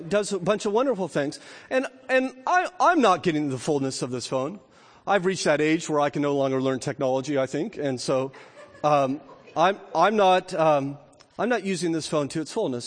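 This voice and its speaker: A middle-aged pastor with a notably high voice preaches a sermon. He builds emphatic rhetorical lists and slows down hard on key words. His voice rings with the long reverb of a large church hall.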